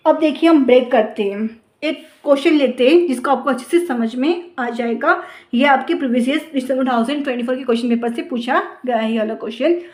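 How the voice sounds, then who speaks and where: A woman's voice: high-pitched, darkish tone, reverberant. A woman tutor going through exam questions step by step, often asking a question and then answering it herself. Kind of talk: exam-prep lesson.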